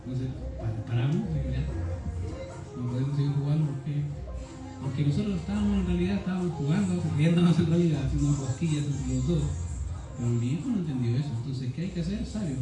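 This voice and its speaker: A man's voice: a little high, expressive, a little fast, music in the background. Man preaching in an echoey room. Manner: teaching, asks listeners "¿ya?" often. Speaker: pastor. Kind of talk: sermon. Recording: echoey room, distant mic, faint noise.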